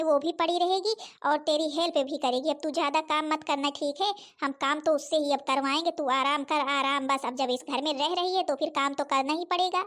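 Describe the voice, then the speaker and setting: A woman's voice: high-pitched, lightly acted. A woman voicing a bossy middle-aged cartoon mother-in-law who gives commands and keeps asking if she is understood. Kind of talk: cartoon story voice acting.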